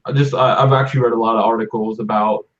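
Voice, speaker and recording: A man's voice: medium pitch, steady tone, fast talker, recorded from a distance, highs cut off. A man interviewing a guest, asking rambling, hedging questions.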